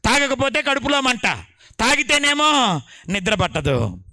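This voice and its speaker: A male pastor, telling a story in an animated sermon. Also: extremely high pitch, a little slow, no echo, clean studio sound. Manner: animated storytelling, dramatic retelling.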